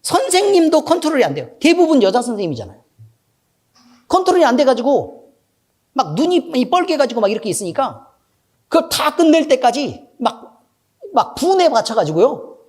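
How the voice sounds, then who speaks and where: Animated man preaching a sermon. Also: normal speed, pauses often. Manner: animated storytelling with frequent asides to the congregation; swings from loud emphatic bursts to low, quiet asides. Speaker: pastor.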